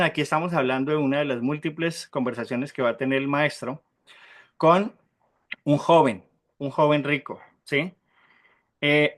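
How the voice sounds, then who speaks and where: A man teaches a Bible class and keeps turning to his students with questions, checking they follow along. He spells out Hebrew terms slowly for them. His voice sits a little high. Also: fairly bright tone. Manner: questions the class often, tag "¿sí?".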